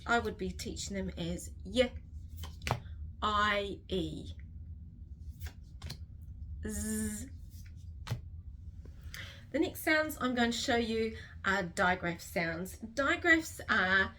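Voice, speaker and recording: A literacy teacher with a New Zealand accent carefully sounds out each letter sound in a slow, structured phonics tutorial. Her voice is mid-range, pushed and bright, with slight background noise behind it.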